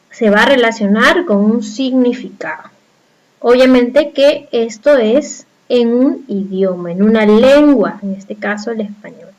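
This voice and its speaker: A woman's voice: a little high, poor audio. A woman from Peru with a Peruvian accent, teaching a recorded class and explaining step by step with frequent rhetorical questions to the students. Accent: Peruvian Spanish.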